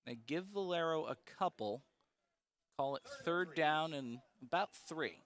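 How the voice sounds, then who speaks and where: A man calling a college football game play by play. He is brisk and exact, calls each snap as it happens, and ticks off the down, the distance and the yard line in a steady broadcast cadence. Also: a little high. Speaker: play-by-play announcer. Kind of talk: live football play-by-play commentary.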